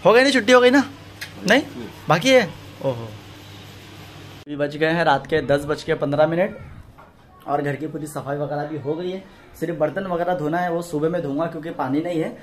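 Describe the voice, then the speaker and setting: A man's voice: fairly high pitch, moderate pace, long pauses, a little hiss or hum. A man, talking loosely and casually as a vlogger into a handheld phone. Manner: chatty, loose and conversational. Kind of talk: casual vlog narration.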